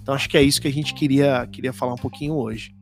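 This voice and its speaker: A man's voice: medium pitch, fairly even intonation, racing, creaky, soft background music. A man with a Brazilian Portuguese accent hosting a casual podcast, chatting informally with slang and frequent tag questions. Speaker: podcast host.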